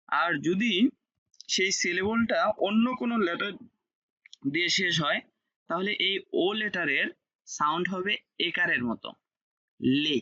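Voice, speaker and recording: A man's voice: sits high, pushed and bright, lo-fi sound. A man teaching an online class, explaining step by step, repeating key words and checking that students follow. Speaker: French teacher.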